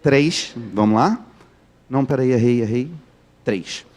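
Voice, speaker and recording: A male teacher with a Carioca accent leads a live online class, joking with his students and firing questions at them. His voice sits in an ordinary middle pitch. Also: measured pace, a little mellow. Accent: Carioca Brazilian Portuguese. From Rio de Janeiro, Brazil. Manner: joking, keeps quizzing the students.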